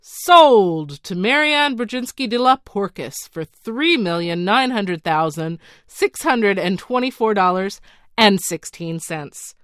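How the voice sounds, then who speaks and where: Woman doing a loud proclaiming court counselor. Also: mid-range voice, sing-song, moderate pace, no room sound, clean studio sound. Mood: official. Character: pompous male chief counselor of a court.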